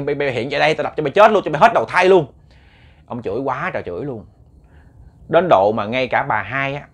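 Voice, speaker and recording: A man telling a ghost story, chatting to listeners and often repeating words. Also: mid-range voice. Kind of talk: storytelling to an audience.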